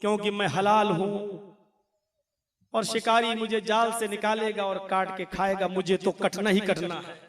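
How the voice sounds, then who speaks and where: A man's voice: high voice, flat delivery, measured pace, a bit bright, reverberant. Man voicing a plaintive trapped pigeon in a sermon tale. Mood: lamenting. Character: frightened male pigeon caught in a net.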